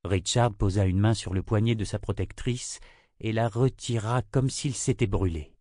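A man narrates a fantasy novel in a steady, even reading voice. His tone sits low, and the sound is dry and close to the mic. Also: moderate pace, no echo. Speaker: audiobook narrator.

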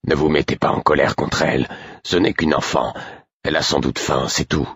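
A stern, weary man who keeps his temper in check, speaking slowly and firmly in a very deep, husky register, as the narrator puts him on. Read close to the mic in a dry, dead room. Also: fairly even intonation, fairly bright tone, dry recording, exaggerated voice. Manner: low, measured, firm. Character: stern, weary grown man, calm and firm.

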